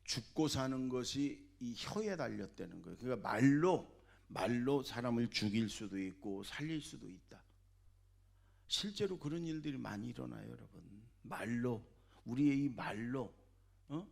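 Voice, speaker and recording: A middle-aged man preaching a sermon as pastor, animated, dropping to soft asides and rising to loud exclamations. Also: medium pitch, moderate pace, gravelly.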